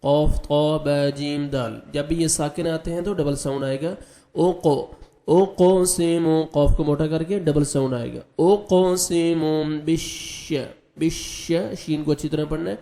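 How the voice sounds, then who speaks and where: A man teaching Quran recitation, spelling out letters with their vowel marks slowly, then explaining rules quickly, and chanting verses in long drawn-out tones. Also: on the high side, fairly even intonation, mellow, reverberant. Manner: draws out recited words in slow chant.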